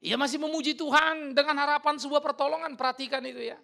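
A man preaching a sermon as a pastor, dramatic and colloquial, swinging from hushed tones to shouting and talking straight to the congregation. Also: very high-pitched, fairly even intonation, fast, vocal fry.

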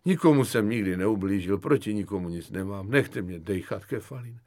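A man's voice: a little mellow, no echo, natural voice. A man voicing a weary, nervous army lieutenant who pleads and frets. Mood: plaintive. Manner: whining, pleading, flaring into shrill panic.

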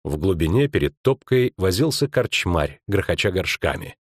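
A man narrating an audiobook in a measured reading voice. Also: low voice, very animated, slightly rough, no echo, clean studio sound. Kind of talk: scripted narration.

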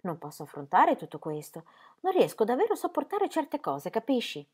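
A woman's voice: a little high, wildly swooping pitch, normal speed, darkish tone, breathy edge, pitched above the performer's own voice, heavily acted. A woman reading an audiobook, voicing a restless, demanding young male artist in impassioned, pleading outbursts. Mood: exasperated.

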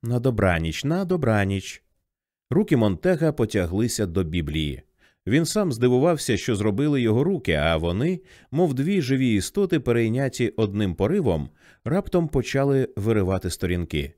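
A man narrating an audiobook in an expressive reading style. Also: medium pitch, brisk, dry recording, studio quality. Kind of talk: scripted narration.

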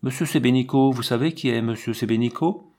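A man voicing a cool, composed banker's wife who speaks with calm, dignified irony. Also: medium pitch, brisk, natural voice. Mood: ironic. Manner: calm, dignified, quietly ironic.

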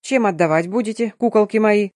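A woman's voice: medium pitch, brisk, a little mellow, no room sound, studio quality, natural voice. Woman reading a stern, mocking male curator. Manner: curt, commanding, mocking. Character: stern adult male curator, domineering and sly. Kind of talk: audiobook narration.

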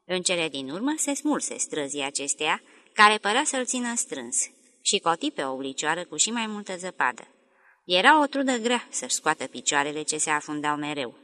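A woman reads a classic novel aloud in a measured, expressive way. Her voice is fairly low yet bright in tone. Her intonation moves widely. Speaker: audiobook narrator. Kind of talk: literary audiobook narration.

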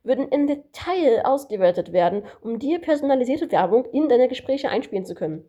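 A woman's voice: sits high, sing-song, warm tone, muffled recording, voice pushed up. A woman voicing a cheeky, lecturing male kangaroo in an amateur audiobook reading. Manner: smug, lecturing, quick-witted.

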